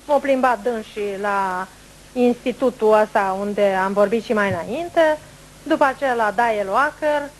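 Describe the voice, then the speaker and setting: A middle-aged woman with a fairly high voice tells a long, rambling story to a gathered group. Her speech is animated and folksy, full of regional words. The old home video carries a faint hum in the background. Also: rough recording. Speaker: clairvoyant speaking to a group. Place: indoor meeting room, standing before a seated group.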